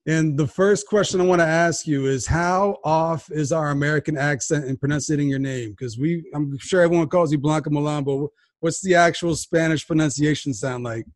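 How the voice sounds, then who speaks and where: Man, podcast host, quick-talking, upbeat, dry close sound. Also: on the high side, no room sound. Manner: energetic, hype host with frequent restarts. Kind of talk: sports podcast interview.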